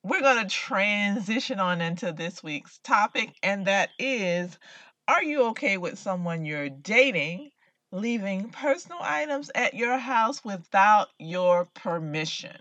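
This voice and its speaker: Female co-host, teasing and probing, mid-pitch, dry close sound. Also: expressive, measured pace, pushed and bright, no room sound. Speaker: podcast co-host. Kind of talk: casual opinion chat.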